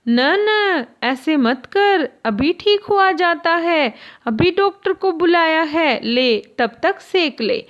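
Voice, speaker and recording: A woman's voice: high-pitched, expressive, slow. A woman reading as a doting, anxious mother. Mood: coaxing. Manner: coaxing, tender. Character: doting anxious mother soothing her sick son. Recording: dull lo-fi recording.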